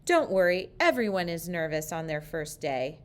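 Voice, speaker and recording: A woman reading aloud and voicing a gushing, bustling woman principal who speaks loudly and brightly. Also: big pitch swings, moderate pace. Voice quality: loud, high, gushing.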